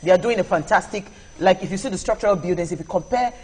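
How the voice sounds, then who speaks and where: A woman's voice: on the low side, fast talker, darkish tone, breathy edge, poor audio. A woman with a Nigerian accent, a talk show co-host asking questions in a chatty way, with many fillers. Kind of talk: studio talk show interview.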